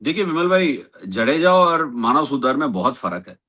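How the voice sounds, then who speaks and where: A man's voice: medium pitch, sing-song, normal speed, bright, forceful tone. A man with an Indian accent hosting a casual cricket chat, switching between Hindi and English and teasing his co-host. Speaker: cricket show host and former Test player.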